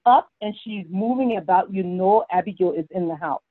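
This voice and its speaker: A woman with a medium-pitched voice speaks at normal speed as a mother appearing on a podcast in a casual interview chat. She tells stories warmly and laughs often, over a tinny, phone-like line that is dry with no echo.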